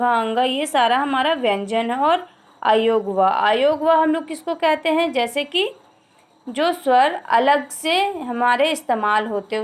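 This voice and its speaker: A woman teacher with a fairly high-pitched voice delivers a recorded grammar lesson, explaining step by step. She poses questions and answers them herself, drawing out example sounds.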